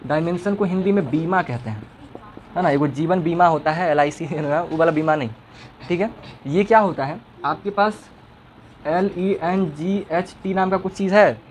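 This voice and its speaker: A man's voice: a little high, moderate pace, slight background noise. A male schoolteacher, teaching a classroom lesson and teasing and quizzing his pupils.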